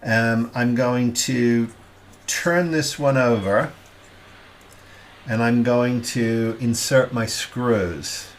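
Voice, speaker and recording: Guy narrating his model kit build, slow and kinda halting, lots of ums. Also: mid-range voice, slight background noise. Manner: unhurried, halting, thinking aloud with many fillers. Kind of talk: hobby build tutorial.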